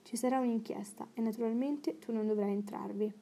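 A woman reading an audiobook, voicing a worldly, witty older male English aristocrat in an urbane, calmly persuasive manner. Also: on the high side, brisk.

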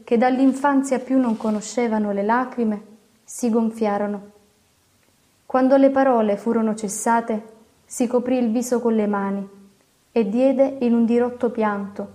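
Mellow-voiced woman reading a novel. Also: on the high side, steady tone, measured pace. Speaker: audiobook narrator. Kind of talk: reading a classic novel aloud.

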